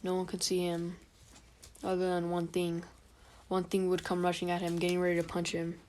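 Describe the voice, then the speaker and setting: A young woman narrates an improvised fan story in a low, very flat, monotone voice. She rambles and halts, filling gaps with ums and likes. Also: slight background noise. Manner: rambling, halting, many fillers.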